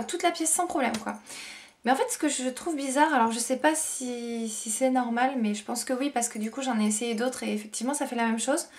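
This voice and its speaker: A young woman chatting casually as a beauty vlogger, with many fillers and restarts. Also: sits high. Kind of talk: casual product review chat.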